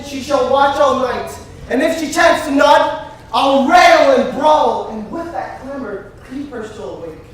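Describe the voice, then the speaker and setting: A man acting a loud, domineering bridegroom who declaims verse and barks orders, his voice high and his delivery unhurried. He sounds distant in a very echoey theater hall with faint background noise. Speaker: stage actor. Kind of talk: live Shakespeare stage acting. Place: theater stage. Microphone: far room mic.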